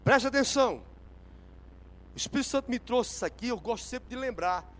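Fervent man preaching, high and animated. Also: fast talker, rough recording. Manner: emphatic, swings from hushed to shouted exclamations. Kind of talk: sermon. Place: church service.

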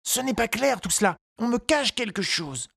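A man's voice: very high-pitched, lively intonation, normal speed, gravelly, a bit bright, no echo, studio quality, exaggerated voice. A man voicing a curious, earnest little boy in a storybook reading, asking questions in a wondering way. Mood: puzzled.

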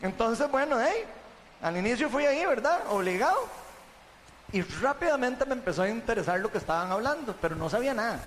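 Un hombre con acento costarricense da su testimonio ante una congregación, contándolo de forma animada y conversada, con muletillas frecuentes. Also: male voice, extremely high pitch, fairly quick, big-room sound, a little hiss or hum. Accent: Costa Rican. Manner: chatty, animated storytelling, tags sentences with "¿verdad?". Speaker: church member giving testimony.

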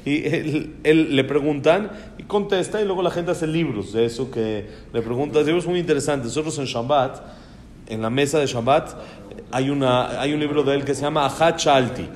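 A man's voice: fairly high pitch, normal speed, a little hiss or hum. A man giving an informal Torah class, speaking in an admiring way that repeats phrases and often restarts.

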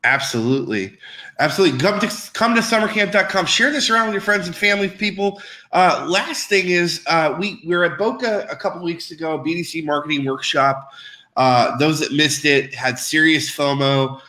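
A man co-hosting a casual talk show, pitching an event in a loose, upbeat way with many fillers. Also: moderate pace, pushed and bright. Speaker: podcast co-host. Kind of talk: casual promotional chat.

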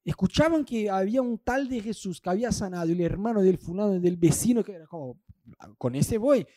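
A man's voice: sits high, quick pace, dark tone, no room sound. A man with an Argentine accent preaching a casual, humorous sermon, telling a Bible story with animation and acting out the voices. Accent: Argentine Spanish.

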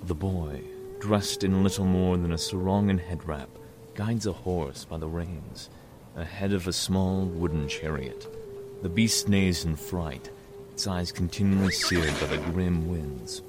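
A man's voice: deep voice, a little slow, background noise. A man narrating a dramatic scripted story. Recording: music score behind.

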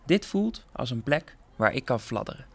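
A man's voice: mid-range voice, sing-song, moderate pace, gravelly. A man voicing a small, hopeful female caterpillar who asks questions eagerly in a children's storybook reading.

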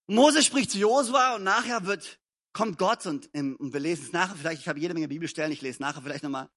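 A man preaching a live evening sermon in church as pastor, emphatic, repeating phrases and swinging between loud calls and quiet, close passages. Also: fairly high pitch, lively intonation, quick pace. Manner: admits to stumbling over sentences and grammar. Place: church service.

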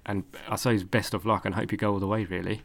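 A man's voice: on the low side, flat delivery, fast, gravelly, a bit bright. A man with an Essex accent, chatting casually as a podcast host and interviewer. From Essex, England.

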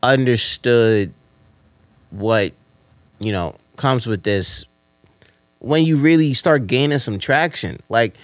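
A man's voice: mid-range voice, takes it slowly, long pauses, no room sound. A man hosting a casual podcast chat, talking in slang and driving points home with repeated rhetorical questions. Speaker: podcast host.

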